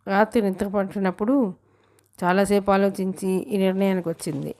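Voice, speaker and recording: A woman narrating a novel for an audiobook in a steady, measured way. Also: mid-range voice. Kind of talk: reading a novel aloud.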